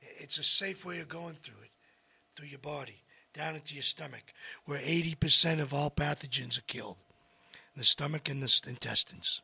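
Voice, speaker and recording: A man hosting a casual health talk, rambling and speaking straight to his viewers with lively asides. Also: fairly high pitch, brisk, creaky, breathy edge. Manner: rambling, addresses folks directly, animated asides. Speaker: host.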